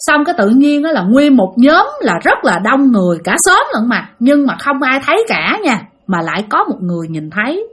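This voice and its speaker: A woman's voice: high-pitched, big pitch swings, moderate pace, fairly bright tone, breathy edge. Chatty woman with a Southern Vietnamese accent. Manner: chatty, addresses listeners directly. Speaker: storyteller. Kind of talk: spoken ghost story.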